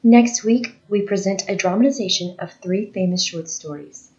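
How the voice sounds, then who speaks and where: A woman's voice: medium pitch, normal speed, a little mellow, natural voice. A woman playing a polished 1930s network announcer, reading a scripted sign-off in a formal, declamatory way. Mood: formal, upbeat. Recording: dull lo-fi sound, music behind. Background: music.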